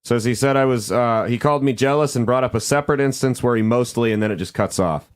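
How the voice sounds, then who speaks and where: A man's voice: medium pitch, fast talker. A man hosting a podcast, reading advice letters aloud and joking sarcastically about them in casual commentary.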